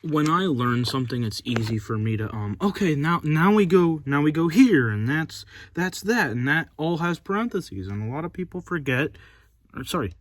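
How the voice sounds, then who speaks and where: A man's voice: a little high, expressive, normal speed. A teenage male vlogger chatting casually and unscripted inside a closet, hesitant and often losing his thread. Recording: noisy amateur closet recording with clicks.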